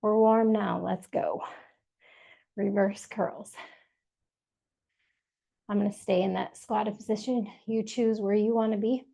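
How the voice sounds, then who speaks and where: A woman's voice: medium pitch, steady tone, slow pace, vocal fry, long pauses, mellow. A woman leading a workout over a video call, giving encouraging step-by-step cues while she exercises. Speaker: fitness instructor. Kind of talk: live workout instruction.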